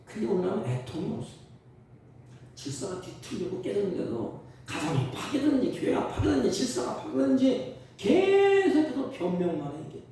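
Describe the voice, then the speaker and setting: A man's voice: high-pitched, sing-song, normal speed, a little hiss or hum. Man preaching in a roomy church. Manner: swings from loud preaching to hushed, tender asides. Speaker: pastor. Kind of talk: sermon. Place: church sanctuary. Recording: roomy church sound from a distant mic.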